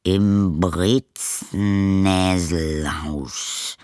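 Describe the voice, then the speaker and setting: A man voicing a puzzled male postman in a storybook reading, mumbling slowly as he works something out. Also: lowish voice, smooth, no room sound, studio quality.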